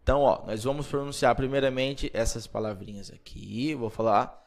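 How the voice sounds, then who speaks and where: A man from Brazil teaching English pronunciation, repeating each word slowly and checking in with playful asides. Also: mid-range voice, steady tone. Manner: repeats words slowly and clearly, asks "beleza?" often. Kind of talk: Portuguese-spoken English pronunciation lesson.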